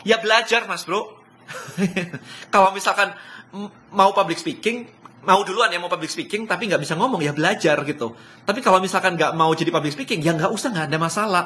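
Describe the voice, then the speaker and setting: An excitable man talks in a live-stream motivational business session. His voice sits a bit high and comes out bright and forceful, and he laughs often as he talks. He drops English phrases into his casual speech. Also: a little hiss or hum. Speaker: business speaker.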